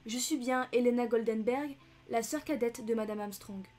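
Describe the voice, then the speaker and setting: A woman's voice: a little high, normal speed, darkish tone, faint music behind, natural voice. A woman voicing a dignified young countess who speaks with composed, restrained intensity in an audiobook reading.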